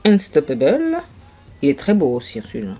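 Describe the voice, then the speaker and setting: A woman's voice: low voice, wildly swooping pitch, normal speed, dark tone, faint music behind. A young woman vlogging makeup swatches, gushing and exclaiming over each shade in casual chat. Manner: gushing, exclamatory, marvelling aloud. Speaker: beauty vlogger.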